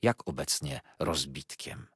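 A man voicing a pompous, tearful, middle-aged gentleman with grandiloquent, flowery speech and emotional outbursts. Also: rumbling low, animated, slow pace, breathy edge, no echo, clean studio sound, full character voice.

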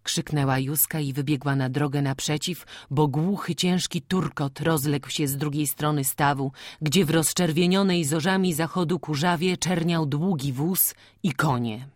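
A woman narrating a novel as an audiobook in a measured, even storytelling manner. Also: deep voice, dry recording, clean studio sound.

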